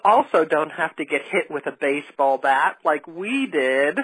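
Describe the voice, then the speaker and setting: Slow, husky woman podcast host. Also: fairly low pitch, a bit bright, low-quality recording. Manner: earnest, slow, emphatic. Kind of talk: spiritual interview chat.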